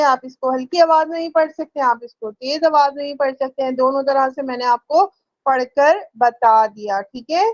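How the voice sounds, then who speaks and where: A woman teaching a religious lesson to women, patient and repetitive, breaking into slow drawn-out chanted recitation for examples. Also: high voice, dull audio. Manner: patient, repeats ticks of "ٹھیک ہے".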